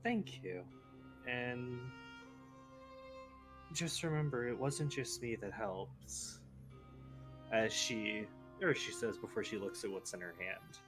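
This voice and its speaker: A man's voice: lowish voice, takes it slowly, long pauses, music in the background. A man playing his character in a tabletop game, speaking plainly and wryly. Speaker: player. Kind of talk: tabletop role-play.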